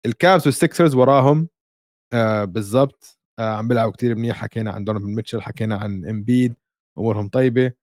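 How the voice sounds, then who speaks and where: Man, Levantine Arabic accent, podcast host, casual sports chat, quick pace, dry recording, English terms mixed in. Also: fairly low pitch, darkish tone, no echo.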